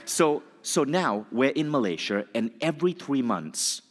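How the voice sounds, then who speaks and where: A man in his forties telling a motivational story to an audience, animated and acting out conversations. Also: medium pitch, unhurried, big-room sound, slight background noise. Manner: animated, acts out dialogue, addresses audience. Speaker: motivational speaker.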